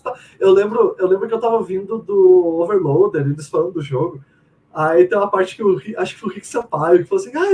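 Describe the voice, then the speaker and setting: Speaking as an interview guest, a Brazilian game writer with a notably high, very lively voice keeps things informal and full of slang, often quoting his own thoughts as he tells animated anecdotes. He sounds set back from the mic, with faint room noise around him.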